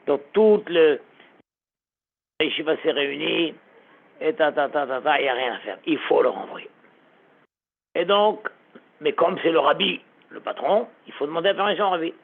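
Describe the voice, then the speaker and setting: A man's voice: fairly high pitch, normal speed, gravelly, long pauses. A man, a rabbi, teaching a lesson through a dramatic story, repeating words for effect, heard over a tinny phone-like recording.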